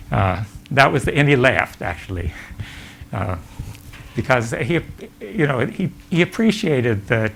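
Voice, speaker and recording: Older man lecturing, gravelly voice. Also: mid-range voice, slight background noise. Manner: halting, many fillers and restarts. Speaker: physics lecturer. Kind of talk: academic lecture. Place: lecture hall.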